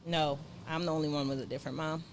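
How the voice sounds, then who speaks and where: A woman's voice: low-pitched, fairly even intonation, quick pace, a little hiss or hum. A young mother who is a guest on a podcast, talking in a chatty way and laughing often. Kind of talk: casual chat.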